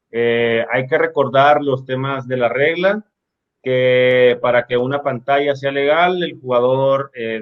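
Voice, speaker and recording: A man, a basketball referee, explaining game rules on a video call, with fillers and restarts. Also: medium pitch. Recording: dull lo-fi call audio.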